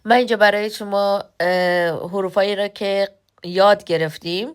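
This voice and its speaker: A woman giving a beginner English lesson. She speaks patiently, pauses often with fillers and sounds words out one letter at a time. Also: medium pitch, steady tone, clean tone. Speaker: English teacher.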